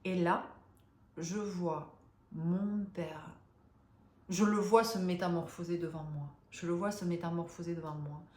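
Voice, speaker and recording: A woman's voice: fairly low pitch, steady tone, a little fast, few pauses, darkish tone. Hesitant woman in her fifties, roomy echo. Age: 50s. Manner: hesitant, many fillers and restarts; emotional, confiding. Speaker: spiritual vlogger. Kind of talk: personal storytelling to viewers.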